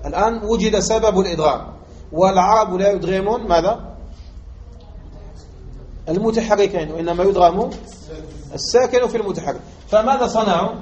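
A man from Algeria gives a classroom grammar lesson. He speaks with a high voice and keeps throwing questions at his students. The recording is muffled, with a faint hiss behind it. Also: a little fast, pauses often, darkish tone. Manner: asks students rhetorical questions and drills the point. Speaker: sheikh teaching Arabic morphology.

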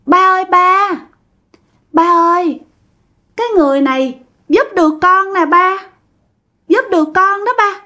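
A woman's voice: extremely high pitch, a little slow, long pauses, bright, forceful tone, pitched above the performer's own voice, full character voice. A woman voicing a young man possessed by a girlish spirit, speaking in a dainty, sing-song way with pleading repetitions.

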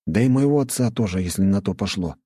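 A man's voice: lowish voice, animated, fast talker, mellow, slightly rough, dry recording, studio quality, voice pushed up. A man reading a cheerful, teasing teenage boy prince, a schoolmate, for an audiobook.

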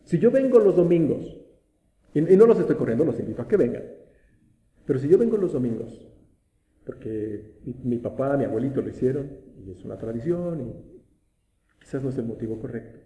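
Male pastor, sermon delivery, dark soft tone, church reverb, self-correcting as he goes. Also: mid-range voice, sing-song, fairly quick, long pauses. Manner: asks rhetorical questions, restarts words often. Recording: echoey room.

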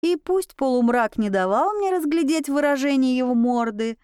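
A woman narrating a first-person fantasy audiobook in a measured, expressive way. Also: sits high, smooth, dry recording, clean studio sound.

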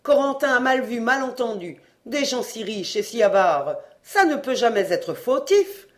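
An audiobook reader voicing a bossy, loud-mouthed mother of a poor family who scolds and gives orders. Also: sing-song, a little slow. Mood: scolding. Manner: scolding, commanding, shrill. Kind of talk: audiobook reading, acted dialogue.

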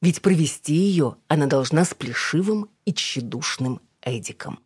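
A woman narrating an audiobook in an even, unhurried reading. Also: low-pitched, husky, no room sound, studio quality. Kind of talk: scripted narration.

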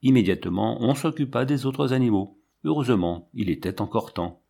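A man narrating an audiobook in a measured, dramatic reading. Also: medium pitch, animated, gravelly, mellow.

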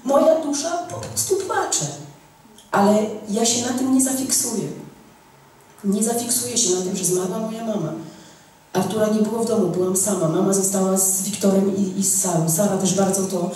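A woman's voice: medium pitch, normal speed, dark tone, far from the mic, slight background noise. A woman preaching a charismatic sermon, addressing her congregation directly and emphatically. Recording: echoey hall from afar.

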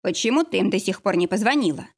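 Woman reading a teasing young husband, husky, lively. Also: mid-range voice, fast talker. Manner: playful, matter-of-fact. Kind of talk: audiobook character reading.

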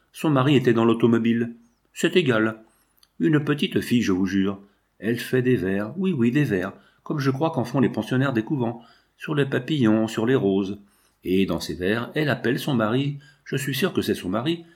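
A man's voice: fairly low pitch, darkish tone. Man reading a novel aloud. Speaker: narrator.

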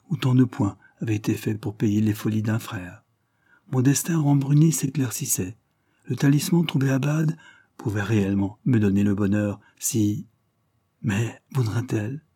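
A man narrating a literary story in the first person, in a measured, reflective reading. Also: on the low side, steady tone, dark tone, breathy edge, dry recording, clean studio sound. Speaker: audiobook reader.

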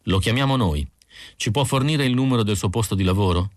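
Man doing a calm, businesslike clinic worker. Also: on the low side, fairly quick, dry recording, clean studio sound, natural voice. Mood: professional. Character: smooth professional male clinic worker, composed. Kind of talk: audiobook character voice.

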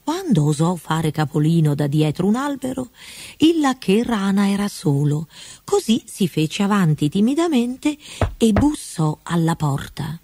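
Woman storyteller, slow, lively intonation, for storybook narration. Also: medium pitch, slightly rough, dry recording. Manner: slow and expressive.

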